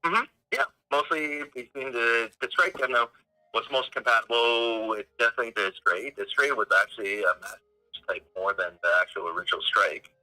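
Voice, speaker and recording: A man's voice: medium pitch, brisk, pushed and bright, rough recording. A man heard over a phone on speakerphone, a phoned-in guest expert in casual chat who stops to search for names as he explains.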